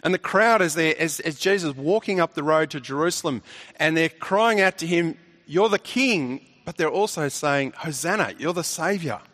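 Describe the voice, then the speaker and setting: A man's voice: a little high, animated, normal speed, a bit bright. Emphatic man preaching a sermon. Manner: emphatic, rhetorical questions, repeats words.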